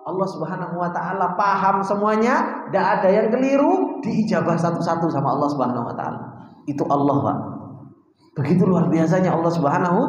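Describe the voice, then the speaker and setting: Javanese-accented man teaching in an echoey hall. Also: sits high. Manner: keeps asking rhetorical questions, rising sharply on them; addresses listeners as "Pak", mixes in Arabic recitation. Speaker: Islamic teacher. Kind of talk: Quran commentary lesson. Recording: very echoey hall with long reverb.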